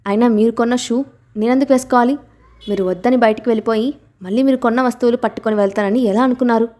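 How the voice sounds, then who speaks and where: A woman reading an audiobook aloud and voicing an emotional young wife who is quick to protest, her pitch and volume lifting a little above her narration. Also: dark tone, natural voice. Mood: indignant.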